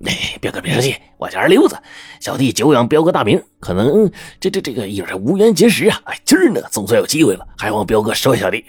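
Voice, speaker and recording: 一位男性说书人演绎一个油滑、爱巴结又大惊小怪的混混男子。. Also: male voice, mid-range voice, a little fast, no echo, pitched above the performer's own voice. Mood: fawning. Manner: fawning, scheming, excitable. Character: sly wheedling male small-time hustler.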